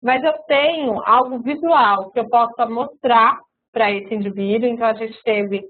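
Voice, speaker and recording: Brazilian portuguese woman teaching a class online, kinda high voice, sounds like a phone line. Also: moderate pace. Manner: explanatory, frequent fillers and tag questions. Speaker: lecturer. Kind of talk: recorded web-conference lecture. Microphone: web conference microphone. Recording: tinny phone-like web conference audio.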